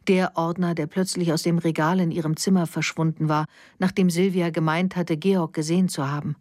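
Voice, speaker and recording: Woman, audiobook narrator, lowish pitch, dry close sound, measured delivery. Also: fairly even intonation, darkish tone, dry recording.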